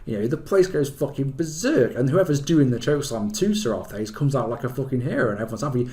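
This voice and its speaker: A man's voice: medium pitch, animated, fast, a little mellow. A man co-hosting a casual wrestling podcast over an online call, talking in an emphatic, enthusiastic way with plenty of swearing. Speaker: podcast co-host and former wrestling performer.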